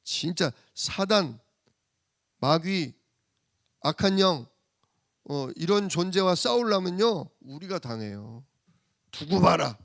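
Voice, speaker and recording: A man preaching a sermon in church, asking rhetorical questions and answering them himself, swinging from loud emphasis to soft murmurs. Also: high voice, sing-song, slow pace, pauses often, dry recording, studio quality. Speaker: pastor.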